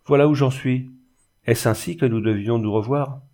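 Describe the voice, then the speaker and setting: A man reading the part of a sick, ruined glassmaker who moans and pities himself, in a low voice. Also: animated, normal speed, warm tone. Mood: plaintive. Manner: plaintive, moaning. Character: suffering, self-pitying ruined male glassmaker. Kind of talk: audiobook character reading.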